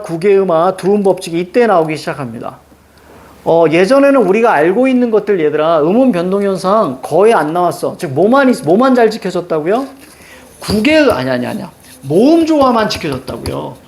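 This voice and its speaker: A man's voice: high-pitched, darkish tone. A middle-aged male teacher giving a classroom lecture, drilling students with frequent check-in questions and stretching out example words for emphasis. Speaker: Korean language teacher.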